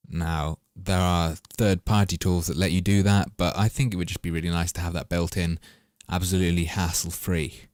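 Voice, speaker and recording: A man's voice: deep voice, a little mellow, no room sound, studio quality. A man chatting casually and wryly over his gameplay footage, rambling and swearing as he goes. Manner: rambling, wry and profane. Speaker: gaming commentator.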